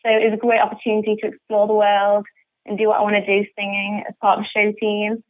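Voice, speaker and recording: Her delivery is completely flat and fast, at a medium pitch, yet this young pantomime actress from northern England chats in an enthusiastic, upbeat way. The radio interview comes through a telephone, so the audio is muffled and tinny.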